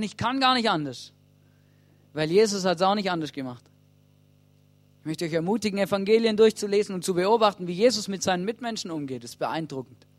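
With a high voice and no audible room sound, a man delivers an earnest sermon from the church stage. He urges his listeners, asks them questions, and often begins with "hey," as soft guitar music plays behind him.

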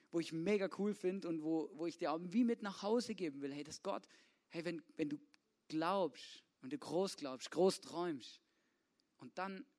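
Pitched on the high side and a little mellow, this young Swabian man delivers a casual youth sermon packed with slang. He stays informal and keeps asking "oder?" to get his listeners to agree.

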